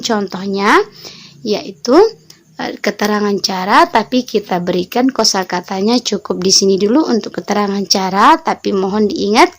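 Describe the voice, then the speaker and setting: A woman from Lombok, Indonesia, giving an online English vocabulary lesson for beginners. She talks patiently, repeating each word and its meaning and addressing viewers as friends. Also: medium pitch. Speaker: English teacher.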